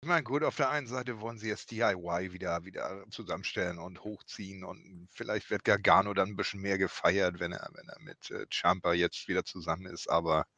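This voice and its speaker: A man co-hosting a podcast, chatting casually with lively reactions. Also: sits low, fairly quick, hardly any pauses, dry recording. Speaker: podcast co-host. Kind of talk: casual chat.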